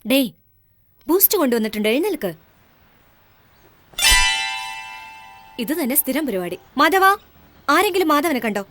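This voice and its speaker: An actress dubbing a spirited young woman who boldly stands up for her nephew in a film scene, talking back quickly and scolding. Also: sits high, very animated, fairly bright tone, soft background music. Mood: calling, teasing. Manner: bold, scolding, quick-tongued. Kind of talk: Malayalam film dub. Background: film score.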